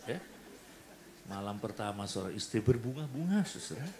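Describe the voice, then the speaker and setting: A man with an Indonesian accent preaching a sermon in a church, animated and acting out the people in his stories. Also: lowish voice, moderate pace, a little hiss or hum. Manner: animated, acts out quoted voices and jokes. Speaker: pastor. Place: church hall.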